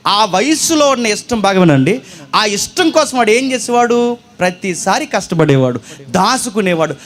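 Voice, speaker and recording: A man preaching to young people, telling stories and asking the audience questions, sometimes loud and sometimes low. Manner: storytelling, asks the audience questions, wide swings in loudness and pace.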